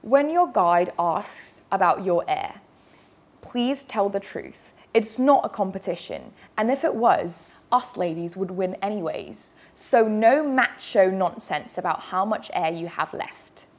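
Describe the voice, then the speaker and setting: A woman's voice: mid-range voice, lively intonation, unhurried. A woman delivers a safety briefing in a mid-range voice. She explains each point directly, stressing what matters while staying reassuring. It has the style of narration for an instructional video. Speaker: dive briefing presenter.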